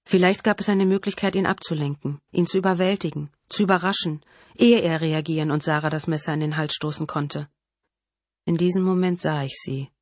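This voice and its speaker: A woman reading a first-person thriller audiobook in a measured, dramatic narrating manner. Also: sits low, fairly even intonation, no echo.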